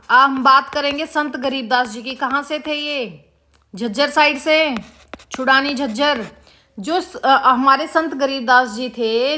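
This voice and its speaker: A woman's voice: high voice, sharp tone. A woman teaching an exam-prep lesson, repeating key words and quizzing her students with questions. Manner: calls students "beta".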